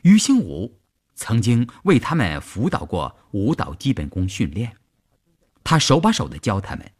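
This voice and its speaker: A man reading a long story aloud as narrator, with an expressive, dramatic delivery. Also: lowish voice, moderate pace, breathy edge.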